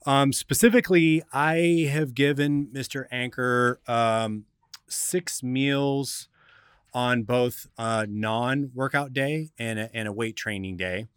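A man's voice: mid-range voice, takes it slowly, fairly bright tone, clear, resonant tone, dry recording, studio quality. A man hosting a radio talk show, explaining in an instructive, methodical way like a coach.

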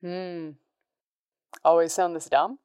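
A woman's voice: fairly low pitch, level tone, slow pace, a little mellow, clear, resonant tone. A woman playing a cocky, teasing 1930s-style gangster boss in a noir audio drama, talking in sardonic old-time slang.

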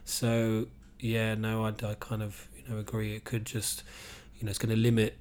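A man hosting a casual sports podcast, talking in a rambling, halting way with plenty of "you know". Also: lowish voice, monotone, a little mellow, a little hiss or hum. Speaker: podcast host.

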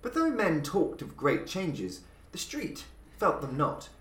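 Clear echo from the surrounding room colors this scripted narration, in which a podcast host and reader tells an old tale. He keeps a measured, dramatic pace, and his slightly high voice rises and falls widely from one phrase to the next with lively swings.

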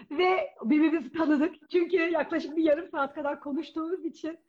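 A woman telling a personal story at a live storytelling event, animated and acting out the voices of people she quotes. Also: very high voice, measured pace. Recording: dull lo-fi event recording.

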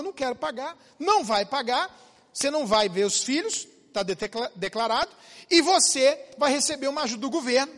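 A Brazilian man preaching a sermon as a pastor, animated, swinging from loud to hushed. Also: high voice, in a large hall. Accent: Brazilian Portuguese.

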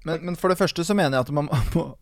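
A man co-hosting a casual fantasy football podcast, animated and laughing often, restarting his sentences. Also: a little high, no echo, clean studio sound. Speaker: podcast co-host.

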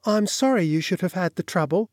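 A man voicing a respectable, anxious landlady who speaks in a civil, gentle, passionless way. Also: high voice, animated, fairly quick, dry recording, clean studio sound. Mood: flustered. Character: civil, anxious middle-aged female landlady.

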